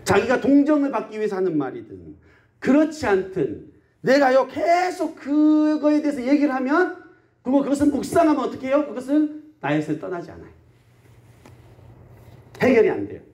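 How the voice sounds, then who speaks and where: A man's voice: high-pitched, a little mellow. A male pastor preaching a Sunday sermon in a country church, asking the congregation questions and answering them himself, and acting out everyday complaints. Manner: acts out everyday complaints in quotes.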